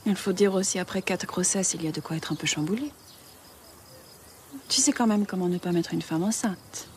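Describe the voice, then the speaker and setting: An actress playing a frank family friend who speaks briskly. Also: female voice, fairly low pitch, darkish tone, a little hiss or hum, close to an everyday voice.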